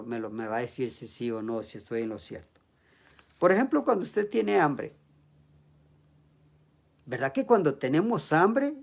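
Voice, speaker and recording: A man's voice: fairly high pitch, vocal fry. A man preaching an evening sermon to his church, asking the listeners questions and acting out heartfelt prayers aloud. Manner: animated, acts out prayers aloud, rising to loud pleading passages.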